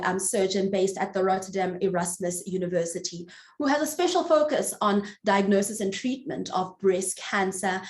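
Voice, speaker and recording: A woman's voice: mid-range voice, darkish tone, reverberant. A South African woman moderating a panel webinar, introducing speakers with many fillers and restarts.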